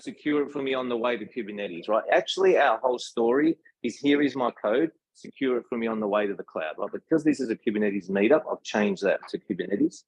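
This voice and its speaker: The clip is a dry, low-quality recording of a tech company presenter with an Australian accent and a husky, mid-range voice. He gives an informal meetup talk on a technical topic, keeping it conversational and checking in with listeners by asking questions and tacking on "right?".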